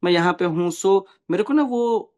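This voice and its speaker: A man's voice: sits high, expressive, normal speed, darkish tone. A man in his thirties from Kolkata, speaking as an interview guest in an earnest, hesitant way with many fillers, switching between English and Hindi. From Kolkata, India. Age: 30s. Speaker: interview guest, bank officer. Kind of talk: casual interview talk.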